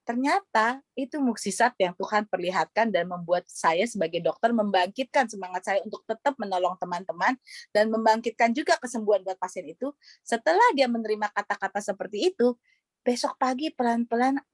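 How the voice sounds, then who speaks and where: A woman's voice: mid-range voice, expressive, brisk, no room sound. Earnest woman doctor retelling a patient's story over a dry video-call line. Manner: earnest, retells dialogue, frequent fillers. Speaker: doctor and panelist. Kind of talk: testimony on an online panel.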